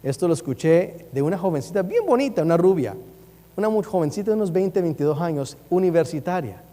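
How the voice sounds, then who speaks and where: A high-pitched man preaches a sermon with animated humor, mocking showy preachers. His voice rings through a church sanctuary with a long, hanging reverb. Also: fairly quick. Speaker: pastor.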